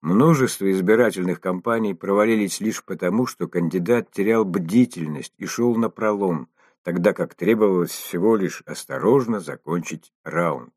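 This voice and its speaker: A man narrating an audiobook in a steady, measured reading style. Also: deep voice, no room sound, studio quality. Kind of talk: scripted narration.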